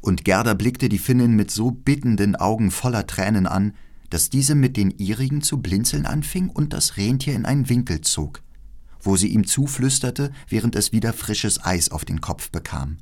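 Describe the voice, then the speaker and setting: A man reading a fairy tale aloud as an audiobook narrator, with measured, expressive storytelling. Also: lowish voice.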